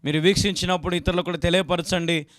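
A man's voice: sits high, fairly even intonation, quick pace, fairly bright tone, no room sound, studio quality. A young man from Andhra Pradesh, a pastor giving a televised sermon, pleading earnestly and repeating filler words as he asks viewers for support. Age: young adult. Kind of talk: televised sermon with donation appeal.

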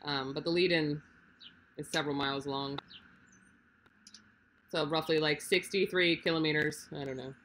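This is a woman livestreaming, her voice hoarse and somewhat low in pitch. The tone stays bright and forward. She talks casually and rambles, adding small asides as she explains plans to her viewers. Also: fairly even intonation, normal speed, long pauses, slight background noise. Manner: chatty, rambling, with side remarks. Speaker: livestream host of a cycling race team.

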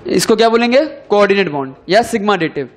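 Young guy teaching chemistry, pretty high voice, dictates slow and repeats stuff so you can copy it down, voice sinks at the end of key words. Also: expressive. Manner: dictates slowly, repeating phrases for students to write. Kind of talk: classroom lecture.

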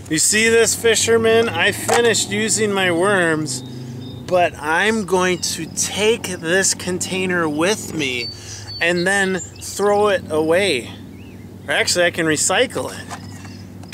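A man in his forties, fishing from an outdoor riverbank, chatting excitedly to the camera and to the fish he catches. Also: high voice, takes it slowly, background noise. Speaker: fishing vlogger. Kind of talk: casual narration while fishing. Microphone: chest-mounted action camera.

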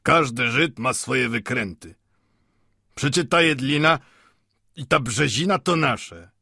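A man's voice: medium pitch, lively intonation, slow, vocal fry, pushed and bright, slightly rough, dry recording, clean studio sound, voice pushed up, exaggerated voice. A man doing a smug, complacent watchmaker. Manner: offhand and smug, laughing off objections.

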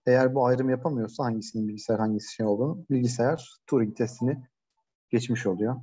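A man's voice: mid-range voice, fast, mellow, husky, lo-fi sound. A man giving a casual online lecture from a shared coworking space, talking conversationally with many hesitations and fillers. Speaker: webinar presenter.

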